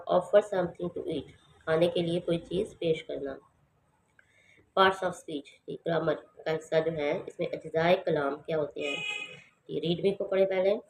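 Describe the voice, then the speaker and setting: A woman teacher with a Pakistani accent who works through textbook exercises, reading each English line slowly, explaining it in Urdu and spelling words letter by letter. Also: low voice, gravelly, a little mellow, slight background noise, poor audio.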